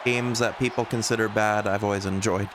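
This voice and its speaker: A man with a fairly low voice commentates as he plays a video game. He talks casually and conversationally, thinking aloud like a streamer. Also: fairly even intonation, brisk, a bit bright, a little hiss or hum.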